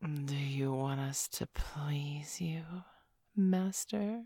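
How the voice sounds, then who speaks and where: Woman voicing a low breathy chained seductress. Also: very slow, dark tone, dry recording, clean studio sound, heavily acted. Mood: seductive. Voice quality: breathy whispering. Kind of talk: erotic audio roleplay.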